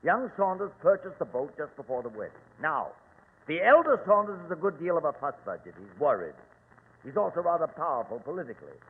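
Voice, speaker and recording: An actor playing a flustered, officious English police inspector in old-time radio drama, emphatic, earnest and blustering. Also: male voice, on the high side, sing-song, breathy edge. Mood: exasperated, worried. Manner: blustering, emphatic, halting repetitions. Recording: tinny, noisy, reverberant old radio recording.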